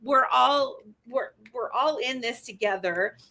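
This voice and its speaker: A woman in her fifties hosts a casual group chat. Her voice is bright and a little high, and she talks in a chatty, teasing way. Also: takes it slowly. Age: 50s. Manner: chatty, teasing, laughs easily. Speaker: host.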